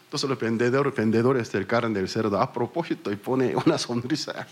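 A man's voice: medium pitch, normal speed, slight background noise. A male pastor from Korea preaching in a Korean accent, telling stories with self-mocking humor and small slips. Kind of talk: sermon.

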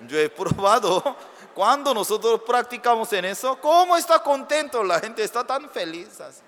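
A man preaching as a pastor, slow and emphatic with sudden loud rises. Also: very high-pitched, animated, long reverb tail. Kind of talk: sermon.

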